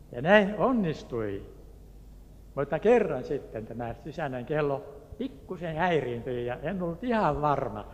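A man's voice: on the high side, a little mellow, long reverb tail, a little hiss or hum. An older man from Turku, Finland, telling a personal faith story in an earnest way, with hesitations. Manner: earnest, with hesitations and acted quotes. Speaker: speaker giving a faith testimony.

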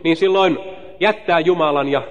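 Man interpreting a sermon, fairly high voice. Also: dull audio. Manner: steady relay of each line, some slips and restarts.

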